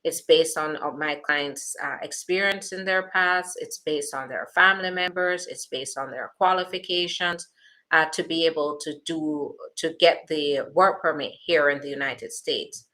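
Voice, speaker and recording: In an unhurried, fairly even tone with a sharp edge, a low-voiced woman with a Jamaican accent answers viewer questions on a live Q&A. She's an immigration attorney, reassuring and chatty, leaning on plenty of filler words.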